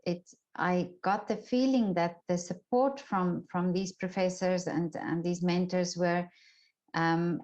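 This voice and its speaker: A woman's voice: on the low side, darkish tone. A woman hosting an interview, asking questions attentively and murmuring along as her guest speaks. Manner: attentive, frequent listening murmurs. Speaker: interviewer host. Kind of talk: interview conversation. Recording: slightly dull, lo-fi sound.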